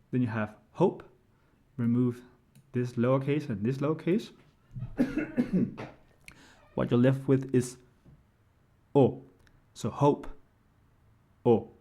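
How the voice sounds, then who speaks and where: A man's voice: mid-range voice, mellow. A man giving a casual screen-share tutorial, explaining step by step and often checking in with "right?". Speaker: language tutor.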